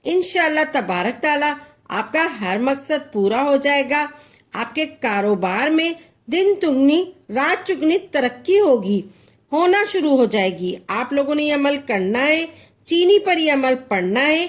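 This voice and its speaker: A woman with a high, lively voice speaks slowly and deliberately as a religious instructor. She walks the listener through a devotional practice step by step, repeating each instruction, and recites Arabic verses with a wide, lilting rise and fall.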